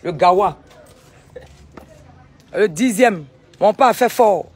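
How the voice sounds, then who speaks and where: A woman, vlogging casually from a sunny village outdoors on a handheld phone, animated and talkative, firing back at critics. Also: mid-range voice, takes it slowly, breathy edge, soft background music. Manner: animated, chatty, retorts to critics. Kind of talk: casual vlog tour.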